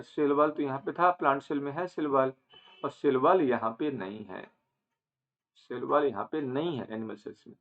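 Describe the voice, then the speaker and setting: Male online lecturer, slightly high voice, self-answering quiz style, thin phone-quality audio. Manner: asks questions and answers them himself; mixes in English terms, drawn-out slow phrases. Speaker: teacher. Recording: phone-like narrow band.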